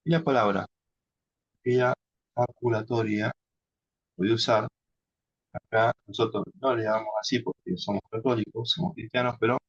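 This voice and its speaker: A man teaching contemplative prayer in an unhurried, halting way, often adding a questioning tag. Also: fairly low pitch, husky, dry recording. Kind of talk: instructional talk on contemplative prayer. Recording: dull lo-fi sound.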